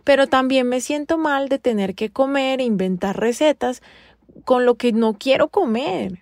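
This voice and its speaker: A woman's voice: high-pitched, unhurried, a little mellow, dry recording. Woman, casual monologue, rhetorical questions, wry and exasperated, dry close sound. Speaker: vlogger addressing women.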